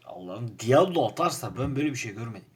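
A young man with a Turkish accent giving casual commentary over a football manager game, frustrated and grumbling, jumping from loud outbursts to low muttering. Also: expressive, fast, breathy edge. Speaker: gaming YouTuber playing a football manager game.

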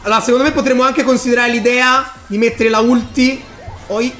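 A man giving excitable live commentary over his own gameplay, breaking into bursts of hype and talking straight to his viewers. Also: very high voice, a little fast, soft background music. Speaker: gaming YouTuber.

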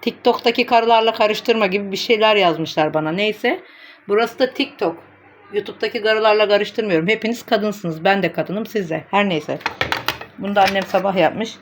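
A woman's voice: medium pitch, normal speed, a little hiss or hum. A woman vlogging casually to her phone camera, chatty, blunt and teasing, with a way of talking.

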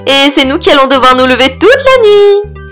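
Woman as admonishing cartoon mother pig, lively. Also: high-pitched, normal speed, faint music behind. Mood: concerned. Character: nagging, concerned adult mother pig. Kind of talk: cartoon toy-play story.

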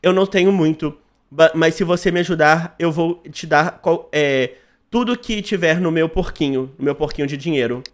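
A man's voice: fairly high pitch, normal speed, lightly acted. A man reading as a lost-bear little boy. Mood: pleading. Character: young boy asking for his lost teddy bear.

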